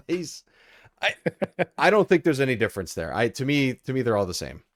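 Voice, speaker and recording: A man's voice: medium pitch, big pitch swings, moderate pace, no echo, studio quality. A man chatting casually on a gaming podcast, rambling with lots of ums and frequent laughter. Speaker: podcast panelist.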